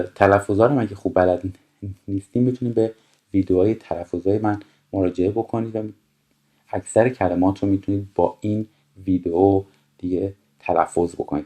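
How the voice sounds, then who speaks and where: A man with a very deep voice teaches a French lesson from a textbook. His first language is Persian. He reads each phrase slowly and deliberately, then explains it at a quick conversational pace. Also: dark tone.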